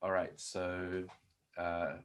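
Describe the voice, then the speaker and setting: A man whose first language is not Polish gives a live-coding conference talk on programming, typing code while explaining step by step with many restarts and rhetorical questions. His low voice is monotone and smooth with a fairly bright tone, and he draws his words out.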